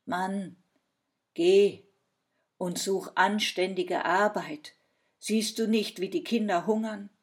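A woman's voice: medium pitch, unhurried, hardly any pauses, close to an everyday voice. A woman doing a weary nagging wife. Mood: scolding. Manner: scolding, skeptical.

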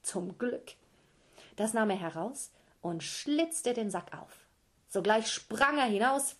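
A woman storyteller reads a fairy tale aloud to children in a slow, unhurried way. She talks to her young listeners directly and keeps the telling lively. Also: a little high.

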